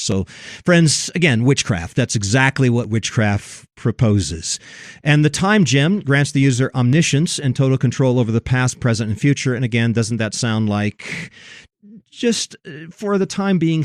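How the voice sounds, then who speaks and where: Recorded cleanly in a studio with no echo, a man with a mid-range voice leads a religious discussion. He delivers strong opinions in an emphatic, sermon-like style, hitting key words hard.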